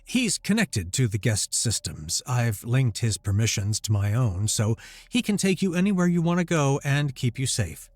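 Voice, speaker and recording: A man voicing a formal, guarded alien empress who speaks in measured, stately cadences. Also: medium pitch, very animated, darkish tone, dry recording.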